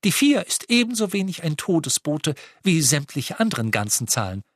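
A man's voice: a little high, big pitch swings, normal speed, dry recording, studio quality, pitched above the performer's own voice. A man voicing a polite, dreamy teenage boy who speaks in a formal, flowery way, eager to please. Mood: courtly, eager.

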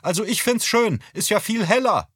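A man's voice: sits high, lively intonation, moderate pace, fairly bright tone, slightly rough, dry recording, clean studio sound, pitched above the performer's own voice, heavily acted. A man reading a comic story aloud and voicing a cheerful, unbothered middle-aged housewife in a raised, chirpy voice.

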